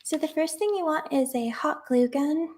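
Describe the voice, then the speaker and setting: A woman's voice: high-pitched, normal speed, darkish tone. A young woman chatting casually while making crafts, rambling with lots of fillers and sometimes dropping to a whisper.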